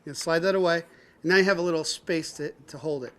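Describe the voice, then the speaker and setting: At a quick pace, a man with a fairly high, slightly bright voice hosts a cooking show for kids. He teaches a child to cook with playful jokes and plenty of laughs, calling the youngster "buddy."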